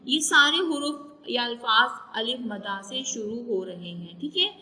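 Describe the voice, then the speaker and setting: Woman teacher, slow and patient, bright voice, spells out letters, stretches sounds, long reverb. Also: on the high side. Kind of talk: recorded class lesson.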